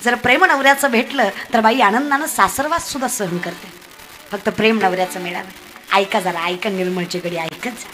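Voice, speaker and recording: A woman's voice: medium pitch, normal speed. A woman preaching a humorous devotional sermon on a stage, teasing her listeners and acting out the people in her tales. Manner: lively, teasing the audience, acts out characters in the tale. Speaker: kirtan preacher.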